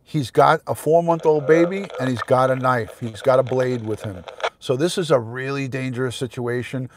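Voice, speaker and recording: A man in his fifties with a mid-pitched voice talks casually as a livestream host. He repeats phrases for emphasis as he comments from inside a car. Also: normal speed, background noise. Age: 50s. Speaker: host, retired police detective.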